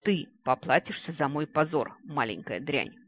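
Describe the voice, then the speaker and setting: Brief: a reader playing a furious werewolf king, menacing growl, animated delivery, close and dry. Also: medium pitch, moderate pace, dry recording. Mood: threatening. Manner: roaring, hissing threats. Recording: dry, slightly dull recording.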